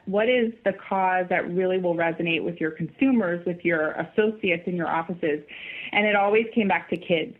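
A woman who is a guest on a radio talk show, upbeat and explaining her program from her notes. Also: medium pitch. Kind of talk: phone interview. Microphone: phone. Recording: tinny phone line.

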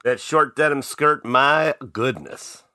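A man's voice: medium pitch, slow pace, pushed and bright. A man co-hosting a podcast with casual talk about films. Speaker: podcast co-host.

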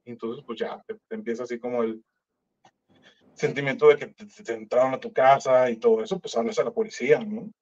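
With a Mexican Spanish accent and a mid-range voice, a musician shares his own story at a fairly quick pace. He's casual and slangy, animatedly imitating other people as he quotes them. The recording sounds dull.

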